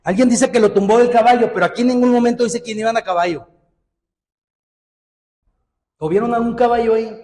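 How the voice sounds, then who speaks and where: Man, Mexican Spanish accent, pastor's sermon, joking asides, long church hall reverb. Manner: lively and joking, swings from loud exhortation to low asides.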